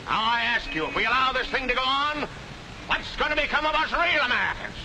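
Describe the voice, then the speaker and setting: An actor in a 1940s film playing a fiery, hectoring street-corner agitator, on a noisy old soundtrack. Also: male voice, very high voice, expressive, fairly quick, sharp tone, heavily acted. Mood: ranting. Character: ranting bigoted male rabble-rouser, middle-aged.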